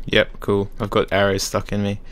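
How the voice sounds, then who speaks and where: A man's voice: fairly low pitch, monotone, moderate pace, fairly bright tone. A man hosting a gaming video, bantering casually over voice chat and swearing now and then. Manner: laid-back, swears casually. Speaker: gaming channel host. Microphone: desktop microphone for voice chat.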